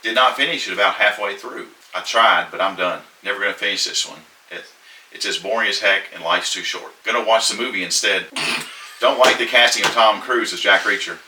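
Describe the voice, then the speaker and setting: Man, lowish pitch, very bright and forceful, laugh-prone read-aloud, echoey room, distant mic. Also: fairly quick. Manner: breaks into laughter while reading. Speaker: host reading book reviews. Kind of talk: reading aloud with casual chat.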